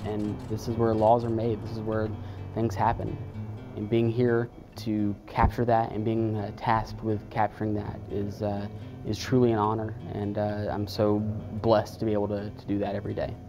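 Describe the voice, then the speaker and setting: A man from Atlanta, a photographer speaking in a measured, soft-spoken way in a documentary interview. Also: lowish voice, monotone. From Atlanta, Georgia. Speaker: legislative photographer. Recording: interview with music underneath.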